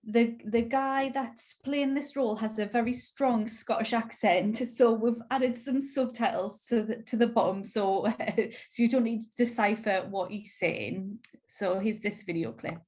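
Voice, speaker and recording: A woman's voice: a little high, unhurried, hardly any pauses, a little mellow. A woman co-presenting a training session in an informal, chatty way.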